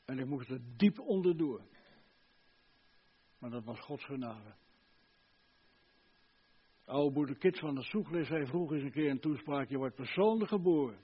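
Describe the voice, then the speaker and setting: An older man preaching a sermon, fervent, swinging between loud emphasis and hushed earnestness. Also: medium pitch, unhurried, long pauses, husky, dull audio.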